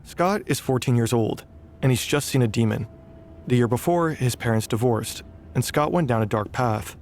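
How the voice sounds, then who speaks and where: A man giving scripted documentary narration with a dramatic, measured delivery. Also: medium pitch, a little mellow, a little hiss or hum.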